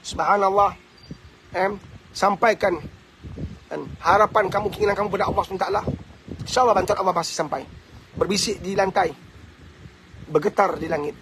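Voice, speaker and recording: A man with a Malaysian Malay accent hosting a live advice talk, answering viewer questions in an animated, preachy and teasing way. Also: high voice, brisk, pauses often, slight background noise. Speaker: host giving advice.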